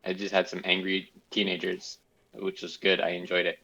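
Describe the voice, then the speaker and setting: A man co-hosting a gaming podcast, talking in a playful, rambling way with lively jumps in pitch. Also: normal speed, vocal fry, muffled recording. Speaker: podcast co-host. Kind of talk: casual gaming chat.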